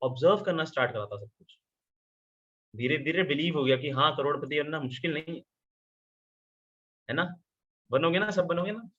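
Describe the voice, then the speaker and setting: A man training a virtual meeting in Hindi mixed with English, animated and constantly asking his listeners questions. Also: on the high side, normal speed, long pauses. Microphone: video call. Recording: lo-fi video call audio.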